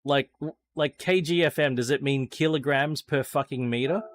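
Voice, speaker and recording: A man's voice: mid-range voice, moderate pace, no room sound. A man with an Australian accent streaming a racing sim, thinking aloud as he tunes a car and chatting with viewers, swearing now and then. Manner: swears casually. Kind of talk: casual live-stream commentary.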